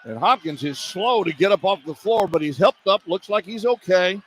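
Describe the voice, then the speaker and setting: At a college basketball arena, a man does live radio play-by-play in a high-pitched, expressive voice at a moderate pace. He keeps up clipped running descriptions that become emphatic for big plays, while arena noise and ambience fill the background of the broadcast.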